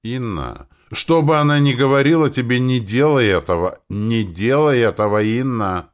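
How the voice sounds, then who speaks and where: Man doing a desperate, shouting stranger. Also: medium pitch, expressive, moderate pace, voice pushed up, lightly acted. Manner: shouting, pleading. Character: desperate frightened man pleading loudly.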